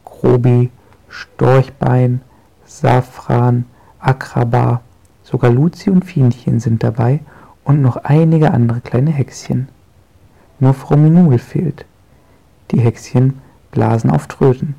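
A man narrating a children's audiobook in a gentle, lively storytelling manner, with a gravelly, husky voice. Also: medium pitch, takes it slowly, muffled recording.

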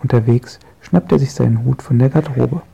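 Children's audiobook narrator, male, gravelly, dark and mellow. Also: mid-range voice, brisk, rough recording. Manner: gentle, lively storytelling. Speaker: storyteller.

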